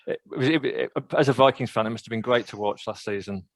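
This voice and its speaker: A man with a mid-pitched voice hosting a casual podcast interview. He steers the talk with measured questions, full of filler words, recorded dry and close. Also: dry recording. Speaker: podcast host.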